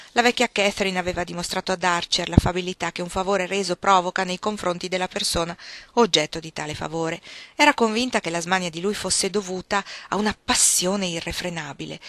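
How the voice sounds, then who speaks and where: A woman reading a novel aloud as audiobook narration, measured and expressive. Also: on the low side, no echo. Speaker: reader.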